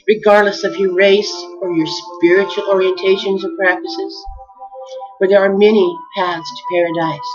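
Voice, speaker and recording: A woman giving an earnest, heartfelt spiritual message, measured and addressing her listeners warmly as beloveds. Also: lowish voice. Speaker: spiritual speaker. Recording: dull lo-fi recording with faint music.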